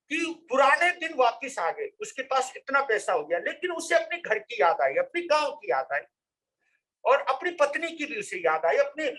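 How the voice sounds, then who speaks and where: A man's voice: very high voice, a bit bright, poor audio. A man, a monk, telling a story in a sermon and repeating phrases for emphasis. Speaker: Jain monk.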